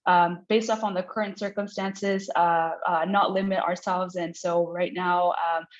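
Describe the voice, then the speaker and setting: A woman's voice: fairly low pitch, a little slow. A woman who works as a legal director, giving a webinar presentation with lots of fillers and restarts and an eager way of talking. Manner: excited talker, many fillers and restarts. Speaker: legal director of an immigrant aid center. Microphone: video call. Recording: dull lo-fi audio from a video call.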